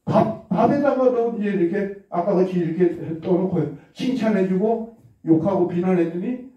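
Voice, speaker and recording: Guy giving a talk, kinda high voice, far off the mic, muffled lo-fi sound. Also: moderate pace, dark tone. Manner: explanatory, checks in with listeners, acts out example lines. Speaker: lecturer. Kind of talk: lecture on communication. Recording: very echoey, distant, dull lo-fi.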